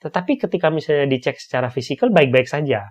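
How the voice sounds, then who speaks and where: A man's voice: fairly high pitch, expressive, quick pace. A man giving a casual, conversational explanatory talk, often checking in with tag questions.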